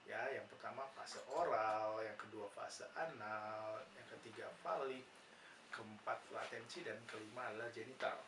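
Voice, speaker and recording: A man's voice: fairly low pitch, moderate pace. A man with an Indonesian accent teaching nursing psychology, patiently explaining and answering his own questions with frequent "ya" fillers. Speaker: nursing lecturer. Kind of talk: explanatory lecture conversation. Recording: roomy, distant mic, noisy background.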